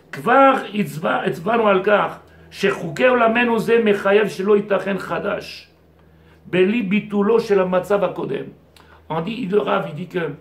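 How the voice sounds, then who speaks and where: A man, a rabbi, giving a Torah class to a small audience, digressive, firing rhetorical questions at the class and mixing in Hebrew terms. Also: high-pitched. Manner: mixes Hebrew terms into French. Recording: echoey room.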